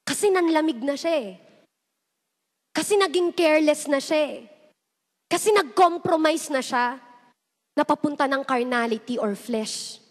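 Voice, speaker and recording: A young woman with a very high voice preaches to a youth service in an echoey church hall. She switches between Tagalog and English and acts out quoted lines as she tells stories. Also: a little slow, long pauses. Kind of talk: sermon.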